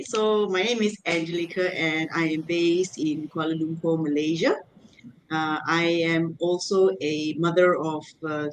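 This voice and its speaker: A woman's voice: fairly low pitch, low-quality recording. A middle-aged woman introducing herself over a video call, hesitant with many fillers. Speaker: guest. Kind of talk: casual self-introduction.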